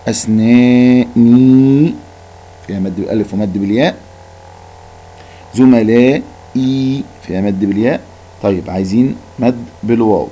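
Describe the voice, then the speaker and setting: Egyptian arabic teacher guy, patient, repeats stuff, mellow voice, faint hum. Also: on the low side, very fast, rough recording. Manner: patient, repeats words for drilling. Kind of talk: recorded classroom lesson.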